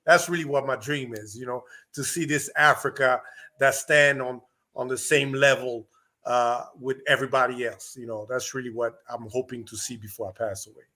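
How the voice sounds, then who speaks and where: Bright-voiced hesitant Rwandan-born man. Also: medium pitch, fairly even intonation, moderate pace. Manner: hesitant, many fillers. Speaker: guest entrepreneur. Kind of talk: interview answers.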